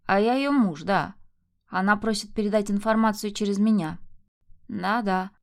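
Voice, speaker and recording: A woman reading an audiobook, voicing a cruel, abusive husband who sneers and shouts insults. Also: medium pitch, normal speed, close to an everyday voice. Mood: mocking. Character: abusive enraged husband, man, cruel and mocking.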